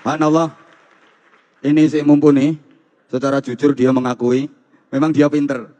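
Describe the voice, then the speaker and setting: Joking Javanese preacher in a reverberant hall. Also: male voice, medium pitch, little pitch movement, moderate pace, warm tone, lo-fi sound. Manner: jokey, repetitive rhythmic phrasing, teasing the audience. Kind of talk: humorous sermon to students.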